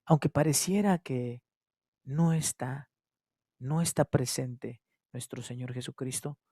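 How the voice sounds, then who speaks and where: Mexican pastor preaching in swelling waves. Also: male voice, medium pitch, slow, no room sound, studio quality. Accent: Mexican Spanish. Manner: repetitive, swings between loud exhortation and hushed tones. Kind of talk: sermon. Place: church service.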